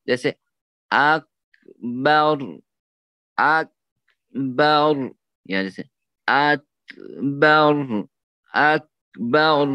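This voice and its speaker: Guy teaching recitation, says sounds over n over slow, mid pitch, dry room. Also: sharp tone. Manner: repeats letters and words slowly for students to echo. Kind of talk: tajweed lesson with call-and-repeat drills.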